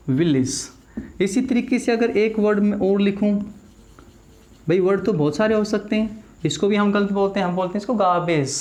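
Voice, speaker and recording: A man teaching a video English class in Hindi, saying each word slowly and asking listeners to repeat it back. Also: high-pitched, a little mellow. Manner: drills words slowly, repeats them, asks the class to repeat. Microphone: small camera in front of him.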